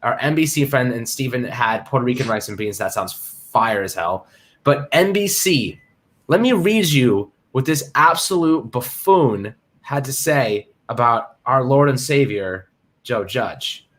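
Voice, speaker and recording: A man hosts a casual sports livestream in a mid-range, expressive, fairly bright voice, speaking a little slowly. He talks in hyped slang and greets chat viewers by name.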